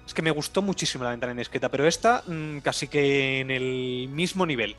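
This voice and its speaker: A man's voice: mid-range voice, a little fast, fairly bright tone, soft background music. A man co-hosting a film podcast, talking hesitantly and thinking aloud. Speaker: podcast co-host. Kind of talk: casual film podcast chat.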